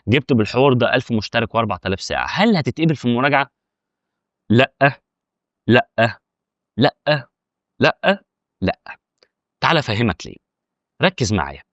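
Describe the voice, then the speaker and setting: An Egyptian man rattles through a casual explainer at a very quick clip, bantering with imagined viewers. His voice sits at an ordinary male pitch. The recording is close and dry, with a muffled, lo-fi tone. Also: no echo. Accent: Egyptian Arabic. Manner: rapid, chatty, argues with imagined viewer objections. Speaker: YouTube tutorial host. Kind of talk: casual direct-to-camera explainer.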